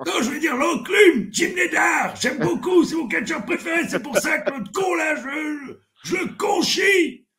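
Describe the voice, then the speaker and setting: Shameless old grandpa for a comedy sketch: squeaky, sharp-toned, rambling, blurts out curses. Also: male voice, expressive, unhurried, hardly any pauses, heavily acted. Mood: crude rambling. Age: older. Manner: rambling, foul-mouthed, bursts into shouts.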